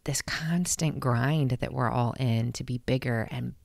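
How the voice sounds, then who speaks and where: A vlog host with a low, gravelly, darkish voice gives a casual motivational talk to camera from her bedroom at home. Speaking a bit slowly into a handheld mic held close, she's earnest, heartfelt and encouraging, restarting often and laughing, with clean, echo-free studio sound.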